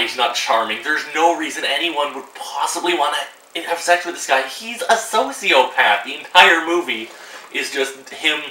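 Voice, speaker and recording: A man's voice: mid-range voice, sharp tone, echoey room, far from the mic, a little hiss or hum, rough recording. A teenage boy ranting to camera about a film, sarcastic and exasperated, swearing freely. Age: teens. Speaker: vlogger. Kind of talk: casual rant to camera. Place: room at home.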